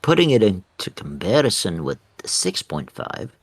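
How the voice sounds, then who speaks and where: A man's voice: low-pitched, big pitch swings, normal speed, husky, no room sound. A man playing a driving game with a friend, chatting casually and throwing in dry jokes. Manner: joking, dry quips. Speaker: co-player. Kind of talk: casual gameplay chat.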